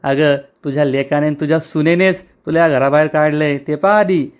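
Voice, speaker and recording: A man's voice: on the high side, brisk, smooth, natural voice. A man voicing a quarrelsome, jealous woman who taunts her rival. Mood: taunting.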